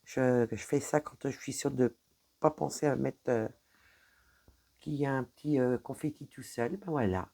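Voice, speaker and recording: A very deep, creaky, dark female voice moves at normal speed. The speaker has a French accent and rambles through a casual show-and-tell vlog at her home desk, stumbling over words while showing her cross-stitch.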